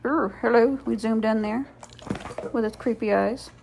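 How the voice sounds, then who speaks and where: A woman's voice: fairly high pitch, fairly even intonation, a little slow, vocal fry, darkish tone, a little hiss or hum. A woman giving casual, rambling craft voice-over commentary as host, playfully sarcastic and self-deprecating.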